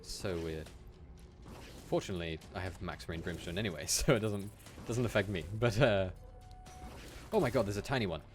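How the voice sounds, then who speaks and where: Streaming from a room at home, a young Welsh man with a general British accent and a deep, low voice gives relaxed, chatty game commentary at a moderate pace. He laughs a lot while talking to viewers, as faint game music plays quietly behind him.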